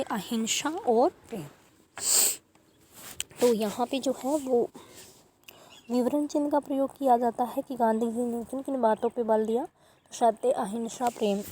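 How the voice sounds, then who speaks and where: A woman with a fairly high, mellow voice teaches a grammar lesson. She works through each point step by step, often stopping to correct herself. A faint hiss sits under her voice. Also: rough recording. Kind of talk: explaining grammar to students.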